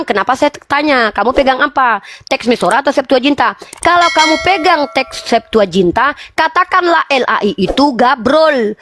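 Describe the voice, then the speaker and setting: Insistent high-voiced woman debating. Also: a bit bright. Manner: insistent, argumentative, rapid-fire demands. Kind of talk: heated online debate.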